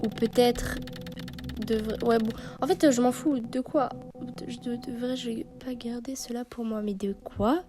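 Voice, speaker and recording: A woman's voice: fairly high pitch, fairly even intonation, measured pace, music in the background. A young woman doing casual horror game streamer commentary, reading dialogue aloud and reacting in slangy speech.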